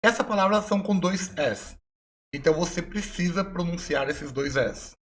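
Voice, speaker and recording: A young man with a Brazilian Portuguese accent talks through an English lesson in a slightly high voice. He explains slowly and patiently, repeating each example so the learner can follow. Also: a bit bright, slight background noise. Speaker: English teacher. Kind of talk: online language lesson.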